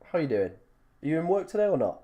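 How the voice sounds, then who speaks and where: A man hosting a casual livestream with a croaky, froggy voice from being ill, chatting informally and a little self-deprecatingly. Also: on the high side, very animated, quick pace, warm tone. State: ill, under the weather. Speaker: livestream host.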